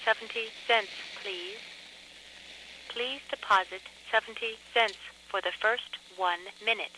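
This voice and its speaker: A woman's prerecorded voice plays over a payphone call and asks for coins. Her tone is bright and crisp, and her phrasing is polite and measured. She sounds like an automated phone-system message. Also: fairly high pitch, a little hiss or hum, rough recording. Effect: heard through a payphone line.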